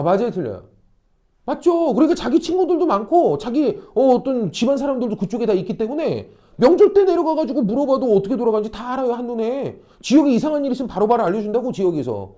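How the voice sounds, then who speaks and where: A man teaching a high-school history class, blunt and teasing, quizzing students and acting out a king's orders. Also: warm tone. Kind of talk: classroom lecture.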